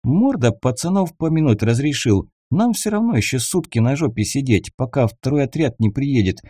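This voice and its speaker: A man's voice: mid-range voice, lively intonation, warm tone, dry recording, studio quality, lightly acted. A man voicing a frightened young male captive who talks nervously and in a hurry. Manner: nervous, hurried, gulping.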